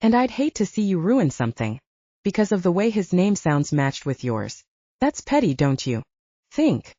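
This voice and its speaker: A woman narrator voicing a calm older sister who coaxes and gently teases. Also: lowish voice, moderate pace, dry recording, dull audio. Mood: earnest. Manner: coaxing, gently teasing. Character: soothing, wry older sister.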